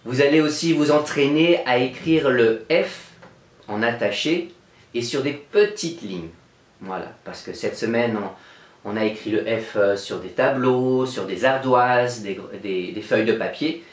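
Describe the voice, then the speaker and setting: Slow, patient male teacher in echoey room. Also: medium pitch. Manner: slow, clear, patient teacher talk, spelling out sounds. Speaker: kindergarten teacher. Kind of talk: remote class lesson for young children.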